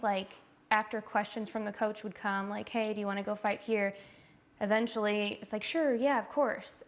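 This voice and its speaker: A woman's voice: medium pitch, fairly bright tone. Woman reflecting casually in an interview. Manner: reflective, many "like" fillers. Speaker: fighter's partner interviewed.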